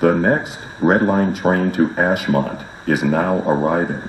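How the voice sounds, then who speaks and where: A man giving recorded train and station announcements in a measured, formal way. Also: low-quality recording. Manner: measured, formal, evenly spaced phrases. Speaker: transit announcer. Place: on subway trains and platforms. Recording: announcements captured over rumbling train noise.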